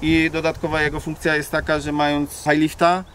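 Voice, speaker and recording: A man's voice: a little high, level tone, fairly quick, fairly bright tone. A man casually explains a modified off-road vehicle, hands-on and colloquial, as the car builder showing people around it. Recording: clear vehicle and ambient noise.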